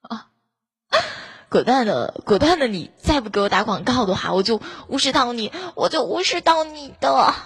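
A woman hosting a live joke show, playful and teasing, with quick asides to her listeners. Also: on the high side, very animated, breathy edge, no room sound, clean studio sound. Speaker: host.

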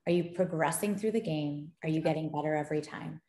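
A woman's voice: low voice, fast talker. A woman guest on a podcast talking casually and animatedly about dating and gaming, laughing as she goes. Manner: animated storyteller, gets excited and laughs. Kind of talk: casual interview chat. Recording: echoey room.

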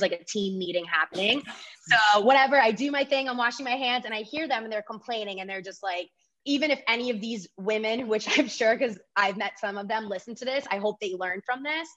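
Chatty woman guest, slightly muffled. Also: mid-range voice. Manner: animated storytelling, heavy use of "like". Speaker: podcast guest, author. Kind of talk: casual podcast chat. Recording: slightly dull, lo-fi sound.

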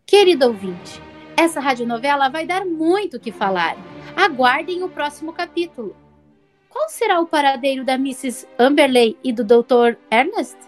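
A woman's voice: sits high, expressive, moderate pace, faint music behind. A woman playing an old-time radio serial announcer, theatrically addressing listeners to tease the next chapter. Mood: suspenseful, theatrical.

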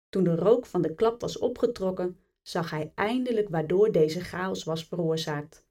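A woman reading a chapter of a fantasy book aloud as a bedtime story, in a calm and measured way. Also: lowish voice, far from the mic. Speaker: audiobook reader.

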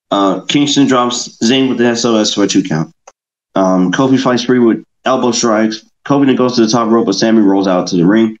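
Man recapping wrestling matches, lo-fi audio. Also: lowish voice. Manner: recaps match play-by-play, stumbles and self-corrects. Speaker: podcast host. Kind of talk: casual wrestling review podcast.

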